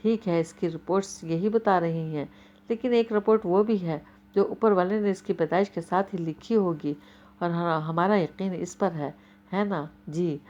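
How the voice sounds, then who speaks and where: A good-humoured young man who jokes and then gives sincere, heartfelt advice, as a woman narrator puts him on. He speaks in a somewhat low register. It is an audiobook reading of a novel. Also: a little mellow, lo-fi sound, natural voice. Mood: earnest. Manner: playful teasing turning to earnest counsel. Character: teasing, earnest young man, a close friend.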